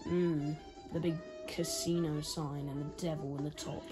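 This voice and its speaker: A woman's voice: low voice, unhurried. Woman gamer reading cutscenes aloud, music behind. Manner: animated, jokey asides to the story. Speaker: gaming YouTuber. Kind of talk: reading game story aloud with commentary. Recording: game music playing behind. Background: game music.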